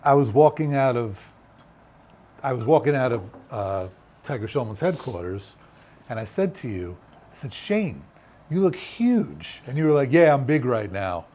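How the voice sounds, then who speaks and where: A man hosting a casual podcast interview, relaxed and reacting with short remarks. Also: mid-range voice, normal speed, slightly rough. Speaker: podcast host.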